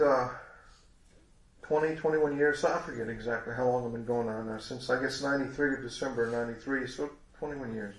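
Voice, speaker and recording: A man's voice: mid-range voice, fairly bright tone, roomy sound. A congested man preaching a sermon in a folksy, rambling way with many restarts.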